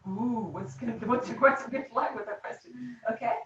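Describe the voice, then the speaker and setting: A woman leading teachers through a classroom game, giving quick, instructive directions and laughing often. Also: fairly high pitch, fairly bright tone, slight background noise. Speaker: teacher trainer. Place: classroom or training room. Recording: roomy, distant, dull classroom sound.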